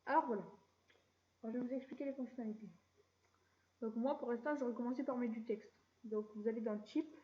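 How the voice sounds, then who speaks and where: A woman hosting a casual screen-recorded software tutorial, chatty and relaxed, with mild slang. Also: on the high side, lo-fi sound. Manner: chatty, relaxed, keeps saying "voilà" and drops mild slang. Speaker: tutorial channel host.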